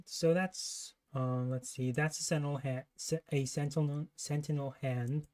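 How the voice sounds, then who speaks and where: A man's voice: fairly high pitch, steady tone, measured pace, darkish tone. A man hosting a livestream, giving casual, critical commentary as he reacts to a trailer. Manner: critical, disparaging.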